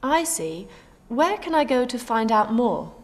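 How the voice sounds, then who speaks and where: A woman's voice: fairly high pitch, big pitch swings, unhurried. An actress playing a polite female tourist in a scripted dialogue.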